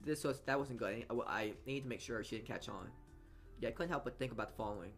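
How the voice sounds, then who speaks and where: Over game music, a man reads a visual novel's narration aloud as a let's player, his mid-range voice fast and fairly bright. He trips over words a lot, corrects himself, and tosses in his own asides.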